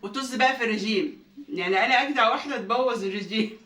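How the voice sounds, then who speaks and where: A woman's voice: on the high side, quick pace, fairly bright tone. A woman with an Egyptian Arabic accent in a home kitchen, chatting casually and directly to her viewers as a cooking vlogger. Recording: roomy, distant from the mic, faint background noise.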